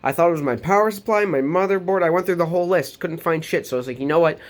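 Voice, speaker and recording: Talking fast in a slightly high voice, a teen boy rambles through a casual vlog in his bedroom. He sounds nasal from a cold he's getting over, with lots of ums and restarts as he moves around the camera mic.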